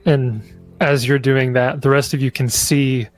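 Male game master, slow, descriptive narrator. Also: medium pitch, level tone, faint music behind. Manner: descriptive, filler-heavy narration.

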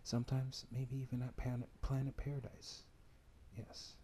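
A man's voice: mid-range voice, completely flat delivery, moderate pace, warm tone, breathy edge. A man co-hosting a podcast, talking in a swaggering, profane, slangy manner. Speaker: podcast co-host. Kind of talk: casual banter.

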